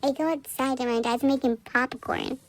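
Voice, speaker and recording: A woman's voice: high-pitched, fairly even intonation, normal speed, low-quality recording. A teenage girl co-hosting a podcast, chatting casually and telling stories bluntly, with frequent swearing. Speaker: podcast co-host. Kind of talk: casual chat.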